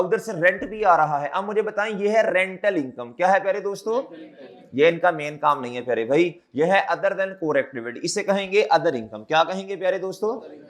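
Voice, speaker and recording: A man with a sore throat, giving a classroom accounting lecture and repeating his questions back to the students. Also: a little high.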